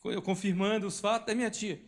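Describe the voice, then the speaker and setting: A man's voice: high-pitched, steady tone, brisk. A man in his forties from Brazil, a pastor telling a personal story in a church sermon, acting out voices and sound effects. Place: church hall.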